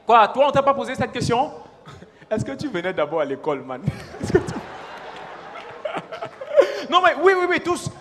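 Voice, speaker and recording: A young Cameroonian comedian doing stand-up, with a very high voice and a Cameroonian French accent. He talks straight to the crowd in an animated way. His voice carries through a big hall with a long reverb. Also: measured pace, pauses often, noisy background. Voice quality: animated, addresses the audience directly. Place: stage in a large hall.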